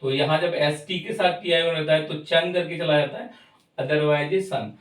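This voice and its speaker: A man's voice: on the high side, steady tone. A man teaching English pronunciation, explaining step by step and often checking in with his students. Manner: explains slowly and checks in with "thik hai". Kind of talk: pronunciation lesson. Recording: echoey room, far from mic.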